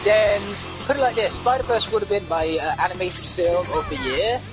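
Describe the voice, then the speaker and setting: A man's voice: high voice, animated, moderate pace. A man giving wordy, emphatic live game-stream commentary in a casual, chatty way. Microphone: headset. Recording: muffled glitchy headset under loud music.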